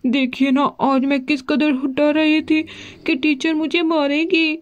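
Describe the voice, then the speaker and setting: A woman's voice: high-pitched, level tone, unhurried. A woman voicing a timid little girl doll who is scared of tests, talking in an anxious, stammering way in a doll play story. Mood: nervous.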